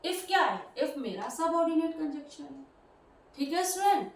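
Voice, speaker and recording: A woman's voice: sits high, expressive, moderate pace. A woman teaching a grammar lesson, explaining patiently and step by step. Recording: roomy echo, voice from a distance.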